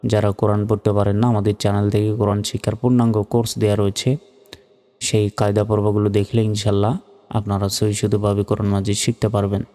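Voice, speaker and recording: A man teaching recitation, explaining slowly and then drawing out each word as he recites it. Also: fairly low pitch, completely flat delivery, mellow. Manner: slow, drawn-out Arabic recitation between Bengali explanations. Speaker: religious teacher. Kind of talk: recitation lesson. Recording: reverberant with faint music. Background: faint music.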